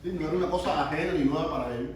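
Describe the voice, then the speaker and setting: A man's voice: fairly high pitch, very fast, a little mellow, a little hiss or hum. A man from Cuba, a youth pastor teaching a sermon who asks his listeners questions and often restarts his phrases. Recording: echoey room, mic from far off.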